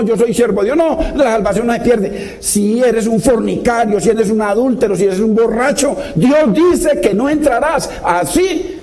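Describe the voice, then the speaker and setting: A man preaches a sermon in a voice that is high-pitched yet dark and mellow. Impassioned and exhorting, he fires off one question after another and repeatedly calls on his listeners to listen.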